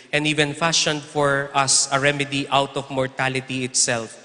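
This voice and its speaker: A priest's voice carries through a large church, each phrase hanging in a long cathedral echo. He is a man with a bright, forceful tone who keeps his delivery flat and even, intoning the prayers at a steady, measured pace. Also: mid-range voice. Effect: cathedral echo, long church reverb. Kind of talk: liturgical prayer recitation. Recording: long echoey church reverb.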